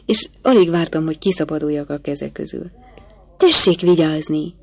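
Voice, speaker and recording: A woman reading a novel aloud in the first person, with measured, expressive storytelling. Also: low voice, slight background noise. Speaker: audiobook narrator. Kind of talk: first-person literary narration.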